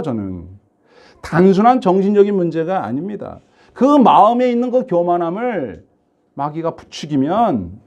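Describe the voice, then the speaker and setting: A middle-aged male pastor preaching in a chatty, lively way, his pitch leaping up and down as he fires questions at the congregation. His voice sits high for a man, and he acts out quoted lines with sudden jumps in loudness. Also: highs cut off. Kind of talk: sermon.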